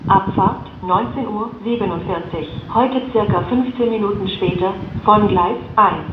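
A woman gives a flat platform announcement at a slow, measured rate, segment by segment. Her automated station voice comes muffled through loudspeakers, with strong echo and loud station noise around it. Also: mid-range voice. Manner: flat, formulaic delivery in short segments. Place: railway station, over loudspeakers. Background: noisy station ambience.

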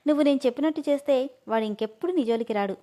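A woman's voice: high-pitched, rapid-fire, mellow, natural voice. A woman voicing a cunning teenage schoolboy who coaxes with a sly, sweet tone. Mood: coaxing. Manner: coaxing, sly.

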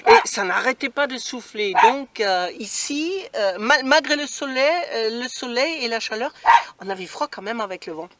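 An older woman talking with an eager, exclamatory warmth of delight, her voice high and bright. She speaks from a camper van window into a friend's camera, with faint outdoor noise behind her. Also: lively intonation, moderate pace. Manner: enthusiastic, exclamatory. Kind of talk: casual conversation on a vlog.

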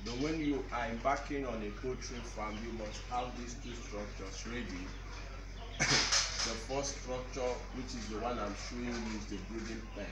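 Inside a big poultry shed with a tin roof, a young male farm instructor explains things step by step in a slow, deliberate manner, his medium-pitched voice fairly even in intonation. A camera mic a few metres off captures the on-site walkthrough, with echo, birds, and farm noise all around.

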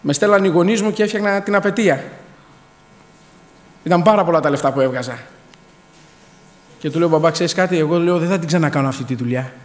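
Man, 30s, high voice, fervent church testimony, reverberant hall. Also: pauses often. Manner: fervent, punctuated with hallelujahs and addresses to the brethren. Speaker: church member giving testimony.

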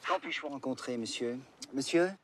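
An actor playing a suspicious writer who answers a phone call curtly and warily. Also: male voice, medium pitch, moderate pace, fairly bright tone, slight background noise, natural voice. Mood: wary. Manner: wary, curt.

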